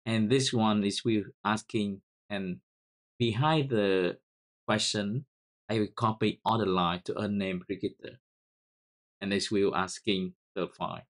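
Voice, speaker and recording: A software tutorial host, a man with a Vietnamese accent and Vietnamese as his first language, walks through a screen-recorded coding lesson in a low-side, steady voice. He stumbles and repeats words as he types commands.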